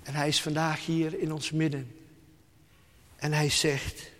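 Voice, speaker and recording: A man preaching a sermon to his congregation, slow and emphatic, falling to soft, hushed tones. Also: fairly high pitch, level tone, long reverb tail.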